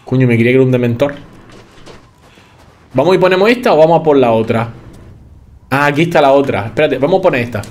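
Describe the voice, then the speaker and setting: A man's voice: medium pitch, animated, quick pace, long pauses, darkish tone. A man from Spain with a Spain Spanish accent, giving chatty let's play commentary to his viewers and swearing casually. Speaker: gaming YouTuber.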